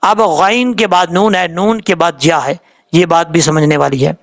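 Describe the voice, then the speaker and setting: A man with a high-pitched voice giving a recitation lesson. He explains patiently, step by step, repeating letters and rules. He slows right down and stretches each word when he demonstrates it. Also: fairly even intonation. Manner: slowly draws out sounds when demonstrating words. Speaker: Quran recitation teacher.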